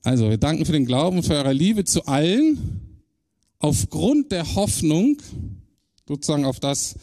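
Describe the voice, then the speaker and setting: Male preacher, somewhat high voice, conversational sermon with emphatic swings in tempo and pitch. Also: sing-song, moderate pace, dark tone. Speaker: pastor.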